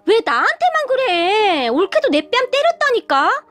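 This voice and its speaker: A woman's voice: sing-song, normal speed, soft background music, heavily acted. A woman voicing a bratty, whiny adult sister-in-law who shrieks and whimpers. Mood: whining. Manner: shrill, whiny, shouting.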